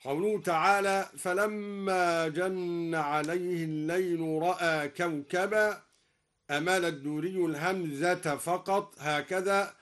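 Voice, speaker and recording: A man teaching Quran reading variants, moving between plain spoken explanation and slow melodic recitation, from a radio broadcast. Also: sits high, fairly even intonation, a bit bright. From Egypt.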